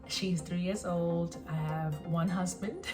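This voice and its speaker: A woman in her twenties from South Africa, introducing herself to the camera in a rambling, self-conscious vlog with lots of ums and pauses, recorded on a phone. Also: fairly low pitch, fairly even intonation, music in the background. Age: 20s. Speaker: vlogger.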